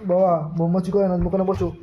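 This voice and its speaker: A man's voice: high-pitched, flat delivery, fairly quick, a little hiss or hum. A man vlogging as he plays with his pet dog, coaxing and teasing it in affectionate baby talk. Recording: dull lo-fi phone audio.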